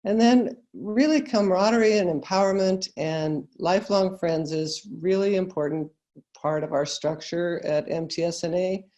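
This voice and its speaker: An American woman with a croaky frog voice, giving a webinar presentation as a guest speaker. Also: on the low side, steady tone, moderate pace, dark tone. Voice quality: croaky, froggy voice. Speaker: guest presenter, school food service director. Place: remote online webinar.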